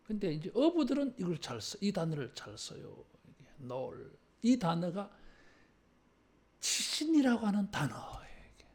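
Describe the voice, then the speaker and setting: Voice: mid-range voice, sing-song, moderate pace, a little mellow. A pastor preaching a sermon in a conversational way, often tagging phrases with a filler word and asking the congregation to repeat after them. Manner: shifts between formal and casual speech. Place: church service.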